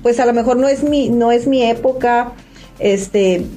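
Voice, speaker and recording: A woman's voice: fairly high pitch, unhurried, mellow, faint music behind. A woman co-hosting a podcast, telling stories in a chatty way with fillers. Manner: chatty storyteller, fillers like "este". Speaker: podcast co-host. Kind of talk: casual podcast chat.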